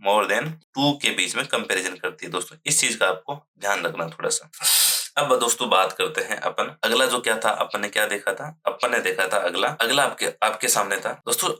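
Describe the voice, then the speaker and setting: A man teaching a grammar lesson at a whiteboard, asking questions and answering them himself, with frequent fillers and throat clearing. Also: lowish voice, sharp tone. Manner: fills pauses with a repeated "okay" and "friends"; clears his throat now and then.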